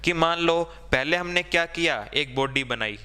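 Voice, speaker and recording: Guy teaching a class 10 science lesson, bright clear voice, keeps asking the class questions and checking in. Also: a little high, normal speed, long reverb tail. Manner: asks students' questions aloud then answers them; conversational, repeats "theek hai" to check in. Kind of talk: board-exam science lesson.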